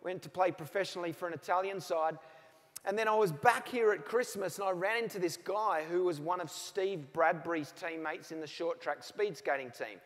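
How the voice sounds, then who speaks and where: High-voiced Australian man in a reverberant hall. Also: moderate pace, fairly bright tone. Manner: storytelling, acts out both sides of remembered phone calls. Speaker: motivational speaker. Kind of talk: motivational keynote speech. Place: large hall with audience.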